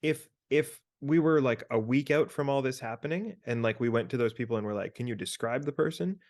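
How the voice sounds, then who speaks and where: A man speaks over a video call as podcast co-host. He talks in a relaxed, meandering way, full of fillers, as he tells a personal story and gives listeners advice. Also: mid-range voice, brisk.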